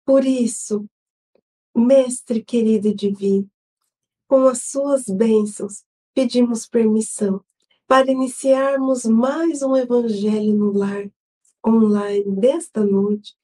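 A Brazilian woman hosting an online Spiritist gospel study, leading an opening prayer and reading a devotional text in a solemn, measured way. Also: a little high, fairly even intonation, warm tone. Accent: Brazilian Portuguese. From Brazil, São Paulo state.

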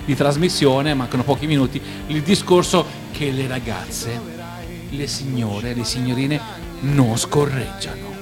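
A man's voice: mid-range voice, measured pace. A man hosting a radio show with jokey, casual live banter, rambling and stumbling over words, often laughing as he talks. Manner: clownish, laughs while talking. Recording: music behind the voice. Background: music.

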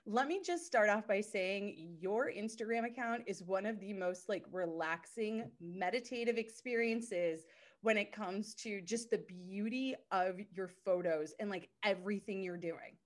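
An enthusiastic woman host introduces and chats with her guest, her voice sitting at an everyday middle pitch. She gushes with praise and rushes through her sentences in excited bursts, filling them with "like". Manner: gushing and enthusiastic, fast bursts, many "like"s. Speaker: podcast host. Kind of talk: casual interview.

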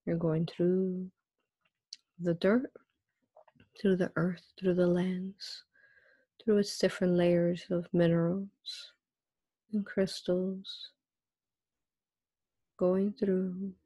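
A woman guides a meditation in a soft, breathy, fairly low voice, her tone level and soothing. She draws out and repeats phrases hypnotically, and the recording has no echo.

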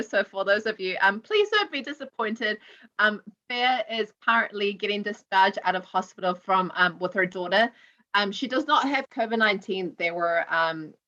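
A woman podcast host speaks at a middle pitch. She chats to her live audience in an appreciative, gushing way, informal and conversational. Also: a bit bright, muffled recording. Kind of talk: chatty live podcast hosting.

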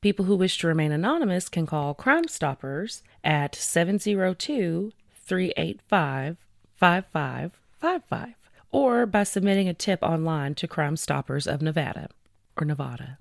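Her pitch is fairly low, sing-song and marked by vocal fry, recorded at studio quality without room sound. She is a true-crime podcast co-host going over cases in a chatty, conversational style, using fillers and reading details slowly.

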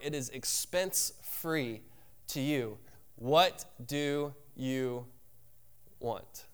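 A man's voice: high-pitched, a bit bright, clean tone. A young man preaching a casual sermon as lead pastor, congested, acting out everyday dialogue. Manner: casual, conversational preaching with playful acted-out dialogue.

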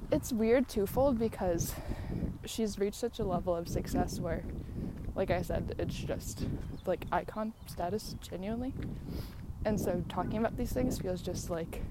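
This is a young San Diego woman with a fairly low pitch, talking to herself in a rambling, casual way during an outdoor walk near traffic. She's musing and effusive and laughs readily, with passing trucks and ambient traffic noise audible throughout.

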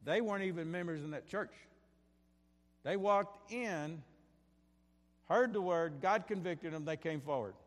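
A man preaching a sermon as pastor, impassioned, swinging between bursts of fervor and quieter asides, often repeating his phrases. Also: a little high, unhurried, pauses often, long reverb tail. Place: church sanctuary.

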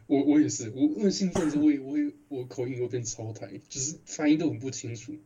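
A man's voice: mid-range voice, brisk, dark tone. A man, co-hosting a podcast in casual chat, mostly giving short agreeing replies. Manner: brief agreeing replies, laughs easily. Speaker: podcast co-host. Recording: slightly muffled audio.

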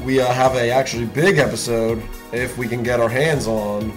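A man's voice: mid-range voice, steady tone, normal speed, music in the background. A man hosting a podcast in easygoing casual chat, steering the conversation. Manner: easygoing, wraps up the show. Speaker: podcast co-host.

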